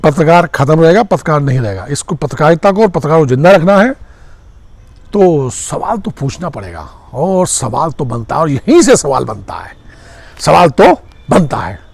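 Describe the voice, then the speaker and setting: A man's voice: a little high, very animated, vocal fry, darkish tone. A man giving impassioned political commentary, firing off rhetorical questions and addressing his listeners as sisters and brothers. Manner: rapid-fire rhetorical questions.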